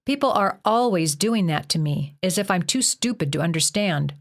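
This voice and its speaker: A blunt, touchy teenage boy in an audiobook, defensive and matter-of-fact, as a woman narrator reads him. The voice sits low. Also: animated, moderate pace. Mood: indignant.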